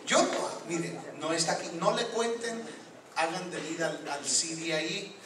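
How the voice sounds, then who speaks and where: A man's voice: on the high side, animated, unhurried, noisy background. A man preaching a sermon to a congregation that answers him, emphatic and joking as he calls out to the people directly. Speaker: guest preacher. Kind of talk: Pentecostal-style sermon with call and response. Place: church service before a responding congregation. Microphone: distant from the microphone. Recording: echoey church hall from far off, congregation audible.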